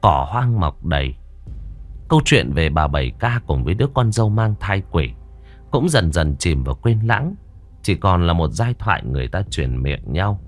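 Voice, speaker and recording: A man narrating a ghost story audiobook in an expressive, dramatic manner. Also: low voice, normal speed, faint music behind.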